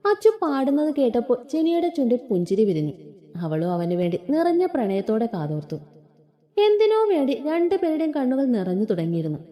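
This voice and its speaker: A woman reading a romance story aloud in a gentle, expressive way. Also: mid-range voice. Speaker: story narrator.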